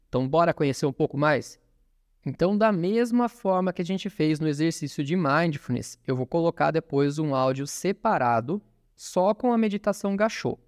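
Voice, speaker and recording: A Brazilian man guiding a meditation in a calm, soothing, unhurried manner with gentle pauses. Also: fairly high pitch, no echo, clean studio sound. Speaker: meditation guide and podcast host. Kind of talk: guided meditation. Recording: voice over new-age music. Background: new-age music.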